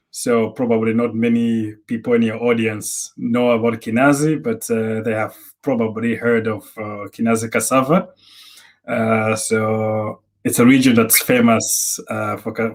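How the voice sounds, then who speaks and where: A middle-aged man from Rwanda, answering interview questions thoughtfully with frequent hesitations. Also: medium pitch. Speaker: interview guest. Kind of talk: measured conversational answers.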